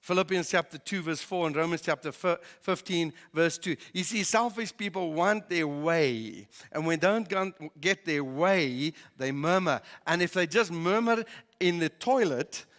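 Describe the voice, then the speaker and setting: A man preaching a sermon as pastor, in a lively conversational way with many fillers. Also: fairly high pitch, measured pace. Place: barn church hall. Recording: reverberant church hall.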